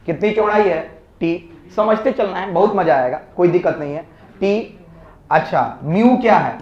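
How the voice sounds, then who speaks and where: A man's voice: high-pitched, normal speed. A man teaching physics in a classroom, coaxing students with repeated questions. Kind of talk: classroom lecture. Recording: echoey room, dull lo-fi sound.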